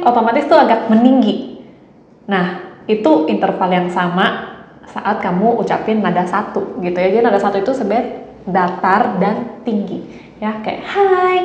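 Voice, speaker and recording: A woman's voice: medium pitch, a little mellow. Give me a young woman teaching Mandarin tones in a chatty way, recorded in a roomy space. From Indonesia. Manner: chatty, demonstrates tones with sung syllables. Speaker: Mandarin teacher, channel host. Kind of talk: casual video lesson. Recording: slightly dull, roomy, faint hiss.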